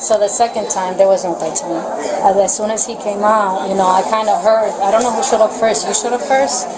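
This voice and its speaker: A woman's voice: medium pitch, fairly even intonation, brisk. A female airport employee informally retelling an incident, correcting herself as she goes. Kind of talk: informal witness account. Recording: noisy crowded airport bodycam audio.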